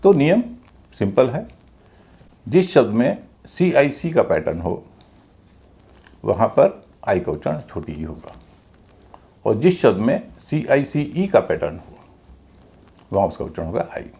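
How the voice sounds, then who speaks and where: A man's voice: medium pitch, big pitch swings, measured pace, long pauses, warm tone. A man teaching English pronunciation in a video class, explaining rules step by step and repeating them with examples.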